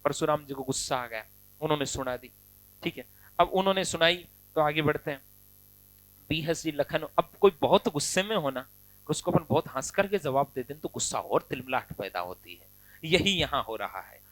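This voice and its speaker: A man teaching a poetry lesson, chanting verses slowly and then explaining them in lively, chatty asides. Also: a little high, dry recording.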